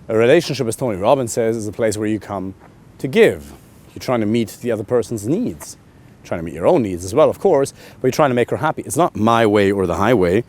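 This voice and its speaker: A man in his thirties coaching men on dating, blunt and animated, swearing casually and pushing hard on his key points. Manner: animated and emphatic, swings loud and high on key points. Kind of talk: coaching monologue to camera.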